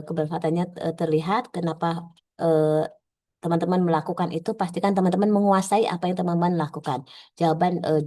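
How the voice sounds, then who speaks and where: A woman's voice: lowish voice, dark tone. A woman coaching civil service trainees on a video call, giving step-by-step tips and acting out short sample exchanges. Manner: instructive, acts out quick sample dialogues with filler "eh". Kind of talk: online coaching session.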